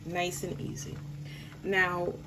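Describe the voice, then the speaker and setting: Her voice sits on the low side, monotone and slow, with illness clearly affecting it as she feels under the weather. She's the host of a home cooking show, chatting through a casual demonstration in her home kitchen and poking fun at herself. There's background noise.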